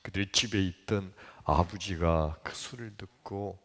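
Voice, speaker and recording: A man preaching a sermon as pastor, telling a childhood story in an animated way and acting out the people in it with sudden loud, high jumps. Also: moderate pace. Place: church sanctuary. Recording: long reverb of a church hall.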